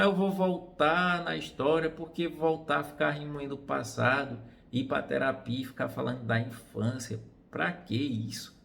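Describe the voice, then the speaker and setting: A man with a Brazilian Portuguese accent who speaks as a psychotherapist, giving an earnest, reflective talk and asking rhetorical questions. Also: mid-range voice.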